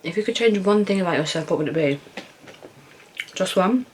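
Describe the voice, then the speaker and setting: A young British woman in a casual Q&A vlog, chatting informally and frankly while eating, thinking aloud with pauses. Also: on the low side, expressive, slight background noise, low-quality recording. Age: young adult. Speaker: vlogger answering viewer questions.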